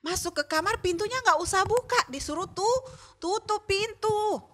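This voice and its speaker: A woman teaching a children's Sunday school lesson in a lively way, often asking the children questions. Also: extremely high pitch, normal speed.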